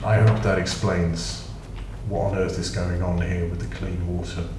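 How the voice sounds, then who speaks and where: A gaming channel host, British and very low-voiced, talks at normal speed with little pitch movement as he gives rambling, casual gameplay commentary full of dry jokes at his own expense. He sits far from the mic in an echoey space, with clear noise beneath his voice.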